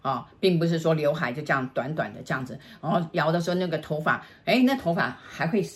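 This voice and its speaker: A middle-aged woman with a Taiwanese Mandarin accent tells a ghost story in a casual, vivid way. Her voice sits low and she often stops, restarts and repeats words as she builds the scene. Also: animated, fast talker. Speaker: storyteller, the host's mother.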